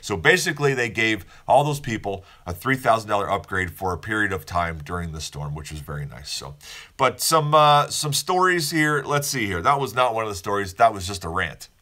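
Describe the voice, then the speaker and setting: A man's voice: fairly low pitch, big pitch swings, brisk, bright, forceful tone. A man hosting a casual morning show, talking in a rambling, upbeat way with many restarts and fillers. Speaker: host of a daily morning show.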